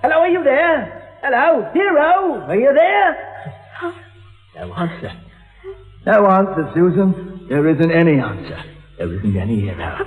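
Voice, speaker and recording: An actor playing a deranged, taunting killer, rambling and repetitive with a childish, volatile menace. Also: male voice, high voice, very animated, measured pace, long pauses. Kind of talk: melodramatic film thriller acting. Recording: echoey hall, dull lo-fi, music behind.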